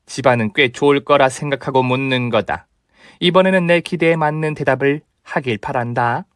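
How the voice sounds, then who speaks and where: A man's voice: medium pitch, normal speed, smooth, no room sound, studio quality, lightly acted. A man voicing a snobbish, bossy older mother-in-law who talks down to everyone in a dramatized story reading. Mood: scornful. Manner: scolding, contemptuous.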